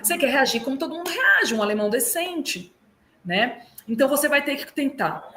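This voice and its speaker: A Brazilian woman consultant and German teacher giving lively, explanatory advice over a video call, sounding out German words to show how they are said. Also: high voice, a little fast. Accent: Brazilian Portuguese.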